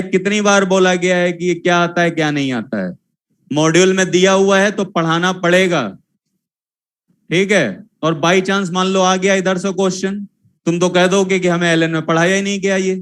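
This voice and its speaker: A high-pitched young man gives a zoology lecture. He keeps scolding the students, repeating the same points over and over. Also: fairly bright tone. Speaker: teacher. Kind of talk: classroom lecture.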